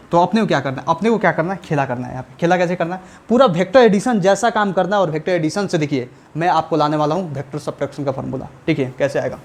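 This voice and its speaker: A man teaching a physics lesson in a chatty, colloquial way, often pausing to ask whether the students follow. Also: fairly high pitch, a little mellow. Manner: repeats checks for understanding, chatty and colloquial. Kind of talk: classroom lecture at a whiteboard.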